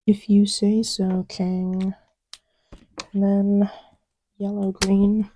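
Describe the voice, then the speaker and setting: An audio roleplay creator plays the listener's partner, chatting casually and intimately while testing markers. She rambles and teases playfully, often dropping to a near-whisper as though lying beside them. Her mid-range voice is mellow with drawn-out words and little pitch movement, over slight background noise.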